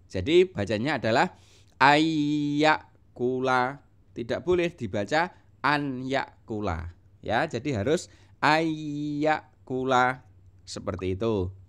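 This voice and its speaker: Slow, clear-voiced teacher man. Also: mid-range voice. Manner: spells out and repeats each word, stressing sounds. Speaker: religion teacher. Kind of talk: slow recitation lesson for children.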